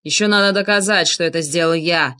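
A woman's voice: medium pitch, animated, moderate pace, fairly bright tone. A woman putting on a sneering brutish man. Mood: sneering threats. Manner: sneering, growling.

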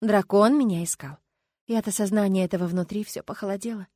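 Woman narrator, expressive first-person audiobook read, close dry recording, mid pitch. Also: quick pace, no echo.

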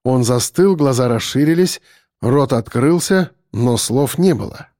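A man narrating an audiobook in an expressive, storytelling way. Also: mid-range voice, unhurried, no room sound, studio quality. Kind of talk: scripted narration.

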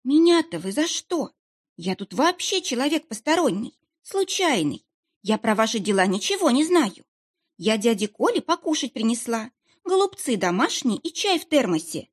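A woman's voice: a little high, big pitch swings, moderate pace, husky, voice pushed up. A woman voicing a young woman who plays dumb in a pitiful, trembling voice and rambles on nervously. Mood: pitiful chatter. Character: young woman playing a whiny simpleton.

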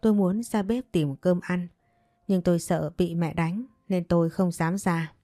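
Woman reading a sad first-person story, low warm voice, dry with faint music. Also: fairly even intonation, a little slow, no room sound.

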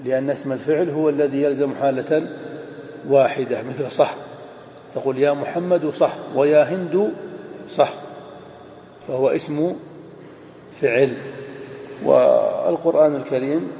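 A man's voice: mid-range voice, normal speed, long pauses, mellow. Man teaching grammar in an echoey hall. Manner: explains step by step, asks questions and answers them himself. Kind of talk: classroom grammar lesson. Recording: echoey hall, faint room noise.

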